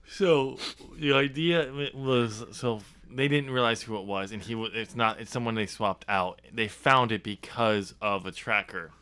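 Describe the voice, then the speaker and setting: A man with a lowish, smooth voice speaks at a measured pace with a sharp edge to his tone. He hosts a podcast and is also an author, chatting casually about his novel draft while explaining his own writing in a somewhat hesitant way.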